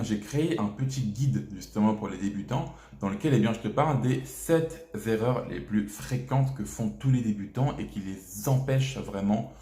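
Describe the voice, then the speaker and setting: Low-voiced man teaching in an echoey room. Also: warm tone. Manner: hesitant, many fillers and restarts. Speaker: English teacher, channel host. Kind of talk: casual video lesson.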